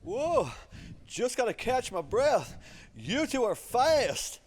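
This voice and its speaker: A goofy friendly boulder. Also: male voice, extremely high pitch, sing-song, slow, slight background noise, heavily acted. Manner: goofy, breathless, bashful. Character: friendly clumsy boulder, later a skeleton. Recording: music playing behind.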